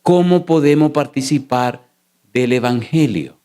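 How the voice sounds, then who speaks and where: A man, a pastor preaching a sermon in a church, asking the congregation rhetorical questions and switching between slow stressed lines and rapid runs. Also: medium pitch, mellow, smooth. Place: church sanctuary. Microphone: sermon recording.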